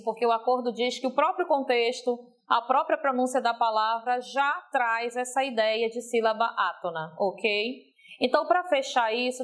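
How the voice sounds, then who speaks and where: Didactic woman teacher. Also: fairly high pitch. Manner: didactic, stretches example words slowly, frequent "ok?". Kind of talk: recorded video lesson.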